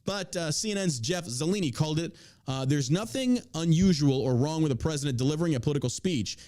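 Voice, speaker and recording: A man's voice: a little high, lively intonation, fast, dark tone. An American man hosting casual political commentary, opinionated and emphatic, swearing freely as he reads out and reacts to news. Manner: opinionated, emphatic, heavily profane.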